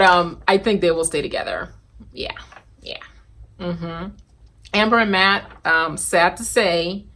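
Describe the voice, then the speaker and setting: A woman from Guyana talking casually to camera in an animated, sassy way, reviewing a reality TV show and giving her predictions. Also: medium pitch. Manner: animated and sassy, with bursts of laughter and scolding. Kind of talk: casual opinionated chat to camera.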